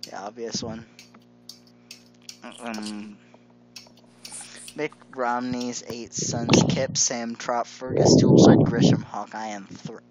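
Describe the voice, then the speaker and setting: A man's voice: mid-range voice, level tone, slow pace, pauses often, highs cut off, over a noisy crowd. A young man playing a card game over voice chat, joking, swearing and laughing often. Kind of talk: casual voice chat while gaming. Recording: noisy voice chat mic.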